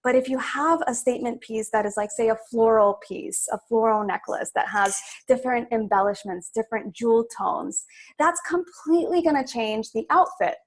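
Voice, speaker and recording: A woman's voice: a little high, moderate pace. A young adult woman from Sudan, a stylist guest, talking chattily in a casual interview with many fillers.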